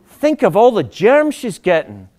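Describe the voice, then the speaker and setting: A man's voice: high-pitched, huge pitch swings, unhurried, a little mellow, voice pushed up, full character voice. A man mimicking a panicky young mother who frets over germs, in an alarmed, fussing way.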